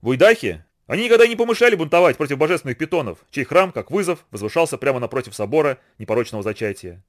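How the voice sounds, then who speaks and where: A man reading a novel aloud in brisk, expressive scripted narration. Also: a little high. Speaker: audiobook reader.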